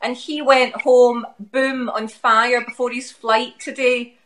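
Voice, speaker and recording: High-pitched woman, broad Glaswegian Scottish accent. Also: level tone, slow, fairly bright tone, slight background noise. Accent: strong, broad Glaswegian Scottish. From Glasgow, Scotland. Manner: punchy, informal, slangy delivery. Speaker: interview guest. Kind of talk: casual chat.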